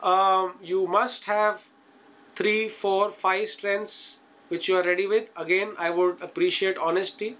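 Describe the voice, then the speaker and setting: Unhurried and a bit bright, this man's high voice shows little pitch movement. He's an interview coach with an Indian accent teaching an online class, giving students plainspoken, emphatic advice in an informal way while regularly checking in on them.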